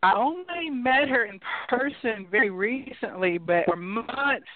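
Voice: mid-range voice, animated, unhurried, no echo. A talk show host whose audio keeps cutting in and out over a weak connection, welcoming the audience and a guest. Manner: warm welcoming, promotional. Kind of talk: online talk show hosting. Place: traveling, on Wi-Fi. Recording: choppy thin phone-like online call.

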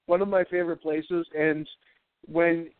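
Smooth, fairly high and flat, the voice moves a little slowly: an American radio host from New Hampshire with a stuffy nose, rambling and stammering in a jokey, casual way. He breathes through his mouth into a thin mic curled close to his face, and the recording is dry on a thin, phone-like line.

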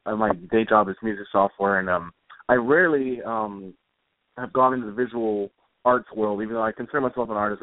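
A fairly low-pitched man, a comic author and musician, is the guest in a casual conversational interview, chatting informally with some rambling. The recording is dry, heard over a tinny line.

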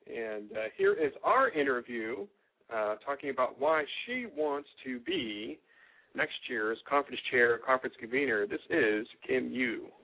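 A man's voice: medium pitch, animated, unhurried, slightly rough. Man, podcast host, chatty, lots of uhs, tinny lo-fi audio. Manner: chatty, full of fillers. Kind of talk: casual podcast hosting. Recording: lo-fi phone-like audio.

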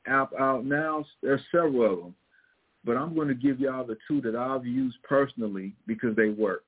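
Husky and mid-range at a normal speed, this Missouri-twanged man coaches on fitness and weight loss with folksy, emphatic motivation, hammering his main points through repetition. He's from Missouri in the United States, and the recording sounds thin, like a phone line.

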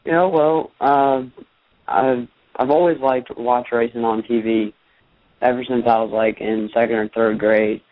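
A young man from Richmond, Virginia calls in to a radio show, heard over a thin, phone-like line with a dry sound. He talks easily and plainly and sometimes repeats a word as he gets going. His pitch is middling for a man. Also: steady tone, unhurried, no echo. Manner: easygoing, plainspoken, repeats words when starting. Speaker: race car driver guest. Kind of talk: casual phone interview.

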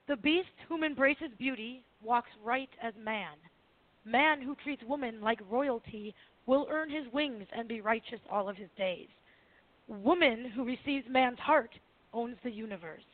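A woman calling in to a radio show over the phone. She reads her own poetry on air and giggles and hesitates between readings. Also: on the high side. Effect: tinny phone-line sound of a call-in caller. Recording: tinny phone line.

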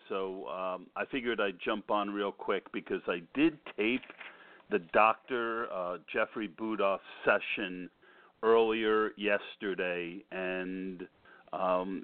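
Male podcast host, lowish voice, slightly sick, halting casual sports commentary over a narrow, tinny phone connection. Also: dry recording. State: a little under the weather. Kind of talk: casual fantasy football commentary. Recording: tinny phone-line sound.

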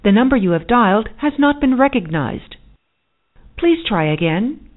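High recorded phone-message woman. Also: expressive, normal speed. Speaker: automated phone operator message. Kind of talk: formal scripted announcement. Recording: tinny phone line from far off.

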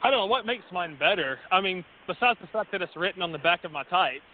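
A man's voice: high voice, animated, fast. A man trading wrestling promo trash talk on a phone call, cocky, mocking and full of wisecracks. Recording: noisy, hissy, tinny phone line.

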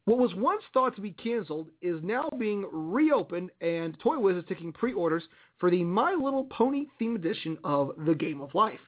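A high-pitched man gives casual news commentary as a radio host. He is chatty and muses aloud, and the audio is narrow and tinny like a phone line. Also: big pitch swings, normal speed. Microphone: internet radio broadcast.

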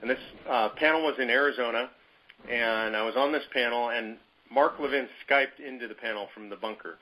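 A man's voice: mid-range voice, a little fast, bright, forceful tone, rough recording. A man telling a personal story to his movement's leaders on a conference call, in a conversational, emphatic way. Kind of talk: storytelling anecdote.

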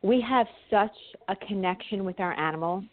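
A woman with a New York accent, a guest on an interview, talking quickly and earnestly with some ums. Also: medium pitch, no echo. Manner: quick, heartfelt talk with ums. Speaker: guest, animal communicator. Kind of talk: casual interview chat. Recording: dry, tinny phone-like line.

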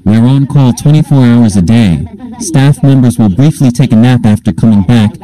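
A funeral home worker in a news interview, his voice distorted deep to hide his identity, speaking matter-of-factly. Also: moderate pace, warm tone.

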